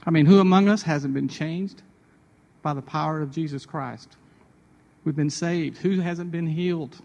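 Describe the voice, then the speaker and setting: A man's voice: a little high, moderate pace, vocal fry, a little mellow, muffled recording. Chatty man in a reverberant hall. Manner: chatty, self-deprecating, with restarts. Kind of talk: conversational devotional storytelling.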